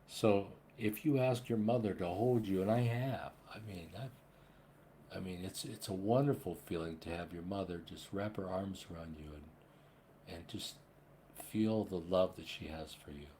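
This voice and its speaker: Older guy in his 60s, deep voice, rambling spiritual talk, earnest, swears a bit. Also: a little slow, mellow, slight background noise. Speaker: spiritual vlogger.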